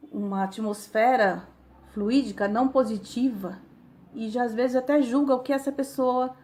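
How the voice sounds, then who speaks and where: A woman's voice: mid-range voice, darkish tone. Reflective Brazilian woman giving a talk. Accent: Brazilian Portuguese. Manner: reflective, teaching tone, reads passages aloud. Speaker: spiritist lecturer. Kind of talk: recorded religious talk.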